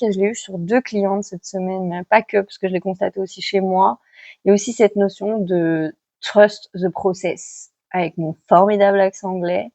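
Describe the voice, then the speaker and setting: Woman tarot reader, relaxed chatty delivery full of fillers, mid-pitched, dull lo-fi recording. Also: dry recording. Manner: chatty and relaxed, with many fillers and self-corrections. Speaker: tarot card reader giving weekly guidance. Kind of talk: casual spoken vlog.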